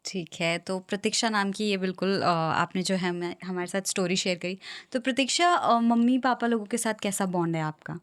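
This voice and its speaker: A woman hosts an interview as a podcast host, asking her questions in a friendly, chatty manner. Her medium-pitched voice is brisk, with hardly any pauses, in a casual interview conversation.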